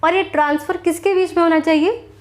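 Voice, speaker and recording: A young woman with an Indian accent gives an accounting lesson in a high, clear voice. She poses questions to her students and then answers them. Her explanations are slow and deliberate. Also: fairly even intonation. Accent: Indian English. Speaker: accounting teacher. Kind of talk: classroom lecture.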